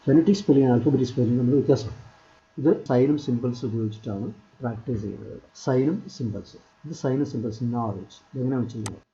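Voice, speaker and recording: Man with a dark, muffled voice. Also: mid-range voice, fast talker. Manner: repetitive, pointing out items on screen. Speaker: English teacher. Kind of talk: screen-share tutorial.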